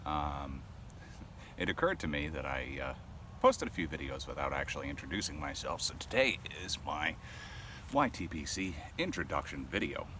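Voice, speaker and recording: The pipe-smoking vlogger from Rhode Island, in his thirties, talks casually to camera at a normal speed, his pushed, bright bass voice swinging widely in pitch yet neutral in character. He rambles with many ums and uhs, and traffic noise is clearly audible outdoors.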